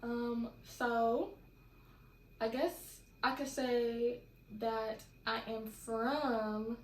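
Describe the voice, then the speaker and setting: A woman's voice: fairly high pitch, fairly even intonation, drawn-out words. A young woman from California chatting casually and rambling through a Q&A vlog at home. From California, USA. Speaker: vlogger. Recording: echoey room with faint background noise.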